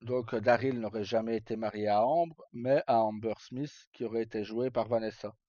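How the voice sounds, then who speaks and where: A man with a lowish, mellow voice talks fairly quickly in a steady tone, chatting casually with his live viewers as a streamer. His colloquial speech rambles and hesitates, with some swearing. A dull lo-fi mic picks him up in an echoey room.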